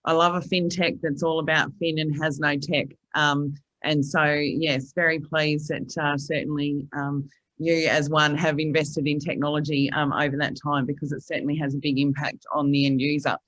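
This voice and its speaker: A woman's voice: deep voice, flat delivery, moderate pace, a bit bright, rough recording. A woman with an Australian accent answering panel questions, enthusiastic and full of fillers. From Queensland. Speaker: panelist, finance platform representative.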